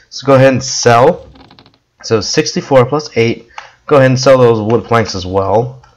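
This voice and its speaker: A man giving casual gameplay commentary with a hoarse, worn voice, coughing now and then and rambling with many fillers. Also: medium pitch, rough recording. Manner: rambling, with frequent ums and restarts. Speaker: gameplay video creator.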